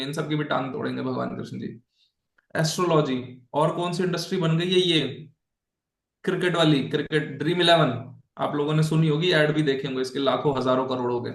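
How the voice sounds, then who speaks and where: A man's voice: on the high side, gravelly, roomy sound. A man giving a casual online lesson, talking in a conversational way, checking in with his listeners often and slipping English phrases into his speech. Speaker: Bhagavad Gita teacher.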